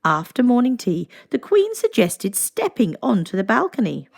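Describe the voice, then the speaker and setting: A woman with a slightly high, gravelly voice reads a children's storybook aloud, narrating in an expressive, deliberate way.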